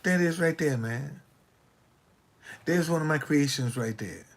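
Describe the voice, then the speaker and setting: This late-sixties man has a slightly high voice and a slightly slow delivery as he chats to the camera with street-slang swagger. Animated and indignant, he fires off retorts and says things over again.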